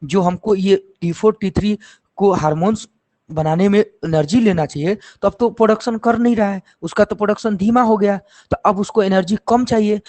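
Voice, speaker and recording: Teacher explaining step by step, dry sound. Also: male voice, high-pitched, moderate pace, a little mellow, no echo. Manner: explains step by step, asks and answers his own questions. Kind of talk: classroom lecture.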